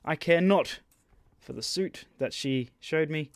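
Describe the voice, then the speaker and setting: A man hosting a podcast, chatting casually with friends, animated and full of swearing. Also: fairly high pitch, measured pace, dry recording, clean studio sound. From Australia. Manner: animated, sweary, loud outbursts. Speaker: podcast host.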